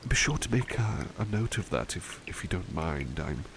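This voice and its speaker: A man with a low voice plays a mild-mannered, devoted butler in a personal-attention ASMR roleplay, speaking at a moderate pace with big pitch swings and heavy acting. He comes across pleased and bashful, polite and formal, with hesitant, musing phrasing. Background ambience is clearly noisy.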